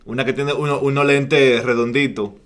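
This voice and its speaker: Male podcast co-host, mid-pitched, talks like he is explaining a lesson. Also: fairly even intonation, normal speed. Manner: explanatory, lecturing on word meanings. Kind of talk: casual podcast chat.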